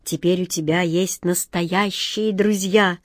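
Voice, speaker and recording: Brief: a calm, resolute fairy-tale sea captain, read by a woman, dry close sound. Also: fairly high pitch, normal speed, dry recording, pitched above the performer's own voice, natural voice. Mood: gentle. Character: brave, steadfast male sea captain. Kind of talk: storybook reading.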